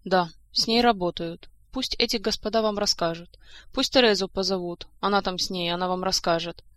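A weary female doctor with a sharp tongue, voiced by a woman reading aloud. She grumbles in an exasperated way and wants everyone out. The reading has a mid-range pitch. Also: fairly even intonation, moderate pace, no echo, natural voice. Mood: grumbling.

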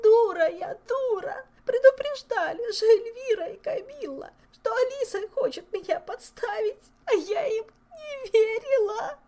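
A woman voicing a young noble mistress who sobs and begs hysterically, wailing in high cries. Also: expressive, measured pace, few pauses, warm tone. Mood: sobbing, begging.

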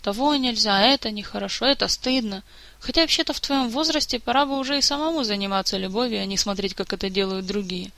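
A woman's voice: mid-range voice, fast talker, a bit bright, no echo, lightly acted. A woman voicing a cheerful, teasing adult male elf who chats with easy mockery. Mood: easygoing. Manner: playful, mildly mocking.

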